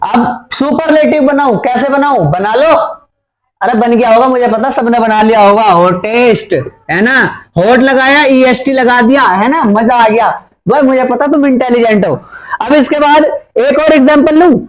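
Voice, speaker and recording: A man's voice: extremely high pitch, normal speed, over a noisy crowd, poor audio. A man teaching a playful grammar lesson at a board, chatty and teasing his students, with a Hindi accent.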